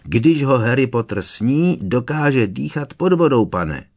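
A man voicing an eager male house-elf servant who shrieks in a squeaky voice and talks about himself in the third person. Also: very animated, darkish tone. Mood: earnest.

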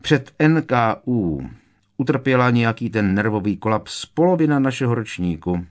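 A man's voice: on the low side, big pitch swings. A man voicing a jovial, chatty teenage prankster in an audiobook reading. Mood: jaunty.

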